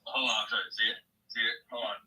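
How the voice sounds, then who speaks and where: Bright-voiced joking man. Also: mid-range voice, level tone, quick pace, far from the mic, poor audio. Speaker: podcast co-host. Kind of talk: casual chat.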